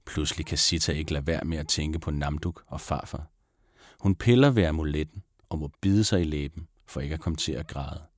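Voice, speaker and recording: A man narrating a children's audiobook in a calm, measured way. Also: extremely low pitch, no echo, studio quality. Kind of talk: audiobook reading of a children's book.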